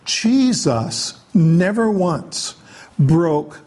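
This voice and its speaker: Man, pastor, sermon, fairly high voice, dark mellow tone, explanatory, pausing often. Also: very animated. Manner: explanatory, unhurried with frequent "uh" pauses.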